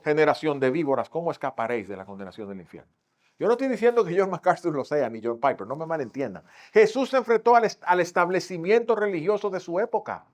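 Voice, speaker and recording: A male pastor with a Dominican accent, preaching a Sunday school sermon and acting out the voices he quotes, swinging from loud to hushed. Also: high-pitched. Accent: Dominican Spanish. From Dominican Republic.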